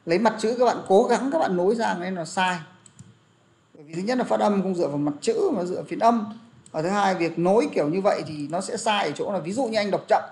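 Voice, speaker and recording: In a high, creaky voice, a young man teaches English, walking through pronunciation and repeating words aloud for practice. His speech is full of fillers, and the recording carries faint background noise and clicks.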